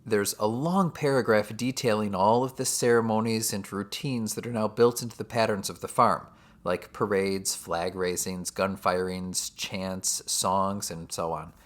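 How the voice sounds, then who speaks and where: A man's voice: fairly low pitch, fairly even intonation, a little slow. A man giving a scripted summary of a novel chapter, with dry, sardonic asides. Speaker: literature teacher. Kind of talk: scripted book summary narration.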